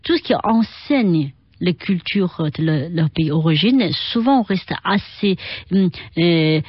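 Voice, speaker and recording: A middle-aged woman speaks French with a Chinese accent, in a fairly low voice. She talks haltingly and leans on fillers while she hunts for words. The sound is dry and a bit muffled. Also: lively intonation, husky, no echo. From China. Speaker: guest, Qigong and Tai Chi teacher. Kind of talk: radio interview.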